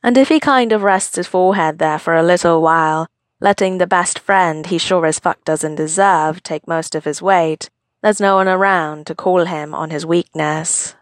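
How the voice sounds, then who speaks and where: A woman's voice: lowish voice, moderate pace, no room sound, studio quality. A woman narrating fan fiction aloud with a wry, casual storytelling manner.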